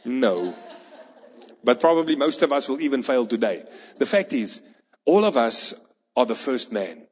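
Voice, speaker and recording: This husky, breathy male preacher speaks at a medium pitch with a darkish tone, moving at a measured, sing-song pace as he tells a parable and voices the people in it. The dull, lo-fi recording was made in a big hall with long reverb.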